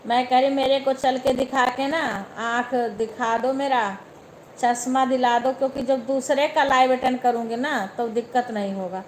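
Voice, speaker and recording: A young woman with an Awadhi accent chats casually on a live stream into her phone. Her voice sits a little high, and she takes her time, speaking to viewers one by one with faint noise behind her. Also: steady tone, unhurried, low-quality recording. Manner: chatty, talks straight to viewers by name.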